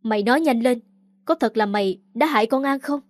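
An angry, hot-tempered man yells and berates, as a woman storyteller reads his lines. The voice is fairly high and dry, recorded close with no reverb. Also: fairly quick, close to an everyday voice. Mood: furious. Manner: angry, yelling. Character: hot-tempered older brother, shouting.

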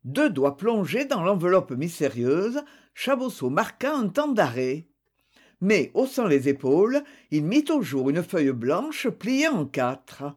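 A narrator reading a novel aloud at an unhurried pace, with plenty of lively movement in the pitch. The delivery is measured and literary. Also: breathy edge. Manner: measured, expressive storytelling. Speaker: audiobook narrator.

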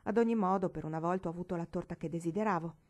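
A woman's voice: on the low side, rapid-fire, a little mellow, lightly acted. A woman reading aloud, voicing a proud, pious young girl who scolds sharply and sulks. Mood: offhand.

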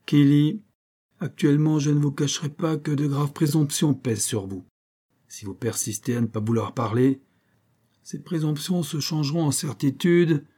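A cold, stern governor, as a male reader puts him on, speaking formally and without warmth. The voice is dark and slightly husky. It sounds like a storybook reading. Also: a little high, normal speed, voice pushed up, natural voice.

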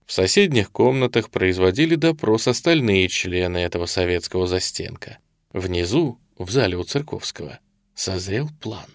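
A man narrating an audiobook in a measured, even storytelling manner. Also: on the low side, no echo, studio quality.

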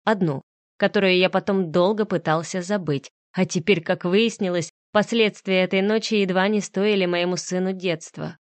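A woman narrating a first-person audiobook in a steady, expressive storytelling voice. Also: fairly low pitch, moderate pace, no room sound.

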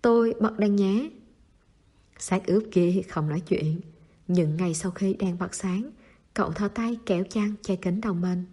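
Mellow, breathy woman narrating a novel. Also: on the low side, normal speed. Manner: steady, soft storytelling. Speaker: audiobook narrator.

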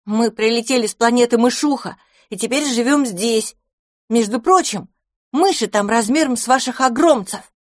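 A woman's voice: a little high, moderate pace, no room sound, voice pushed up, lightly acted. A small domovoy boy, as a woman reads him, polite but proud, speaking up earnestly in a raised, firm voice. The recording is dry and close.

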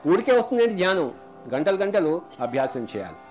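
A man with a Telugu accent giving a spiritual talk, asking rhetorical questions and repeating lines for emphasis, sometimes chanting verses slowly. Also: sits high, very animated, a little mellow, faint music behind. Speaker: spiritual teacher. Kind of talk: spiritual discourse.

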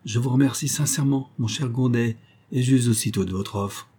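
A man reading the part of a calm, gracious middle-aged engineer who speaks politely and in a measured way. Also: medium pitch, breathy edge, natural voice.

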